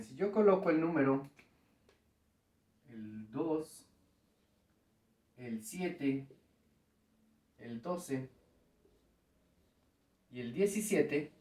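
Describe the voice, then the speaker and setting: A man's voice: a little high, darkish tone, recorded from a distance. A man teaching a recorded math lesson at the board, patiently explaining step by step and checking in with the students. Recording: echoey room, voice from off-mic.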